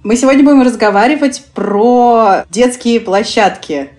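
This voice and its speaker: Woman, 30s, measured co-host who leads the conversation. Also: a little high, darkish tone. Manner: measured, asks questions. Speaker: podcast co-host. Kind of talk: casual podcast chat.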